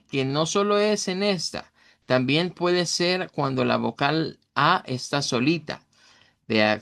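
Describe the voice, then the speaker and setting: A man's voice: on the high side, fairly bright tone. Man teaching English vowels in Spanish. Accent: Central American Spanish. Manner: explanatory, with frequent fillers and self-corrections. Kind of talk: recorded online class lecture.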